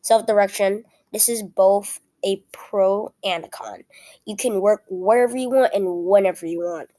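A young woman hosts a casual solo podcast with a weak voice, sounding under the weather. She speaks haltingly, often correcting herself and apologizing. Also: medium pitch, mellow. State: sick. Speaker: student podcast host. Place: at home.

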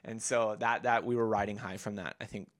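A man in his thirties, guesting on a podcast, tells a long story in casual conversational interview style, with lots of fillers and restarts. His voice is lowish and fairly even, and he talks briskly.

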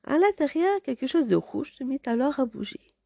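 A woman narrating a fairy tale in an expressive, dramatic read-aloud manner. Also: high voice, normal speed, creaky, no room sound. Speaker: storyteller.

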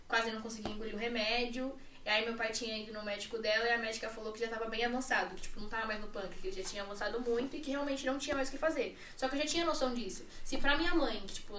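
A woman's voice: on the high side, a bit bright, reverberant, recorded from a distance, slight background noise. An 18-year-old woman with a Brazilian Portuguese accent, a podcast guest telling a personal story in a run-on way, full of fillers and repeats.

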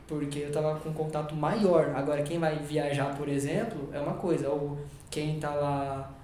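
A man's voice: fairly high pitch, steady tone, moderate pace, warm tone, very echoey, a little hiss or hum. A Brazilian man chatting as a podcast guest, rambling and restarting sentences as he searches for words. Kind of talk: casual podcast conversation.

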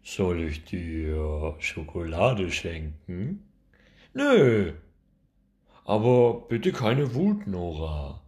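A man's voice: low voice, very animated, extremely slow, a little mellow, exaggerated voice. Storybook friend: timid, kind, soothing male, as a man puts him on. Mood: pleading.

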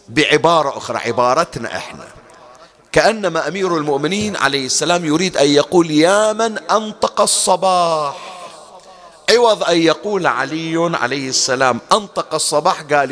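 Man, preacher, religious lecture, slightly high voice, rhetorical questions. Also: fairly bright tone.

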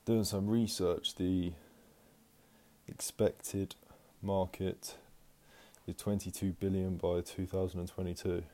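Moving through his home while recording a solo podcast, a man speaks slowly in a low, warm voice with little pitch movement. He's out of breath and rambles casually, with plenty of fillers and restarts.

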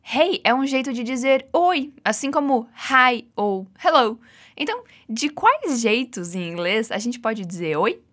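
Very animated yet measured in pace, this woman has a fairly high voice with a fairly bright tone. With her Brazilian Portuguese accent, she guides an English-phrase lesson, drilling repetitions in a patient, encouraging way.

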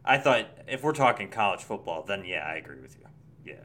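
A man's voice: fairly low pitch, very animated, brisk, bright, forceful tone. A man on a sports podcast panel chatting casually about football.

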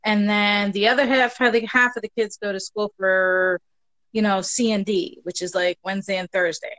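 A woman hosting a podcast in casual chat over a video call, relaxed and quick to swear. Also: mid-range voice, no room sound. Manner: casual, laughs easily, swears. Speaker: podcast host.

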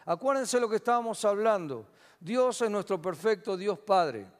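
A man with a Rioplatense Spanish accent preaches a sermon in a high, light voice. He puts questions to his congregation and answers them himself. The hall carries a long reverb around him. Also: expressive, moderate pace. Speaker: pastor. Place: church hall.

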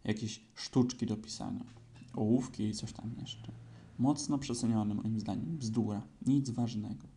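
A man voicing a gloomy, pompous old male donkey in a storybook reading, speaking slowly and solemnly. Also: mid-range voice, little pitch movement, warm tone, close to an everyday voice. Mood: grumbling.

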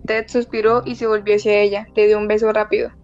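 A woman narrating a short story in an even, matter-of-fact reading. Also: mid-range voice, fast, muffled recording. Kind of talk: scripted audiobook narration.

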